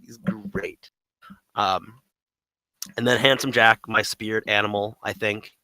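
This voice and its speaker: A man's voice: lowish voice, flat delivery, unhurried, pushed and bright, smooth, poor audio. A man chatting animatedly about a video game on a podcast, laughing as he tells stories. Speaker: podcast co-host. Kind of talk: casual gaming podcast chat.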